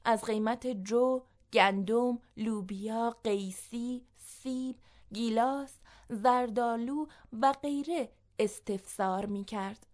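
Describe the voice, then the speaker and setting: A woman narrating a written story in a measured, even storytelling manner. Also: a little high.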